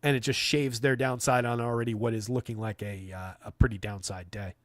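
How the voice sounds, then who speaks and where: A man's voice: medium pitch, fairly even intonation, fairly quick, dry recording. A man hosting a live fantasy basketball stream, talking through analysis off the cuff in a conversational, dry way. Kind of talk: live unscripted sports analysis with chat replies.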